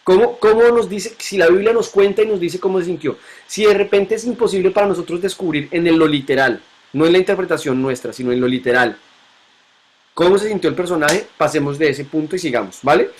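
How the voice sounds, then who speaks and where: A man's voice: high voice, a little fast. A man teaching a Bible lesson to a class, asking questions and repeating key points.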